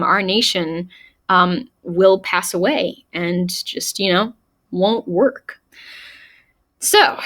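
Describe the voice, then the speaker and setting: A woman teacher talks through a speech in a recorded lesson. She speaks slowly and deliberately, at a middling pitch. She reads the quoted lines aloud with extra weight. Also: a bit bright. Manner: explains slowly, reads quotes aloud with emphasis, small laughs. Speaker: high school English teacher.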